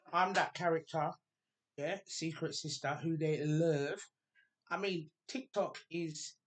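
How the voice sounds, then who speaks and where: A woman from England hosting a casual podcast chat, talking straight to her followers and often checking in with "you understand?". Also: low-pitched. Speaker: podcast host.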